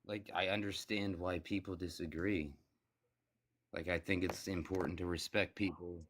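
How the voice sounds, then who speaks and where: A man with a very low voice talks as a guest on a live stream. He is hesitant, stumbling over and repeating his words as he makes his case. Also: fairly even intonation, normal speed, fairly bright tone, slight background noise. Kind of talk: casual live stream debate.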